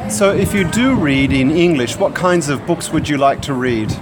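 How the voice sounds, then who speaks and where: Higher-pitched male interviewer, noisy surroundings. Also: lively intonation, moderate pace. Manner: patient, rephrases questions simply. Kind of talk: conversational interview questions.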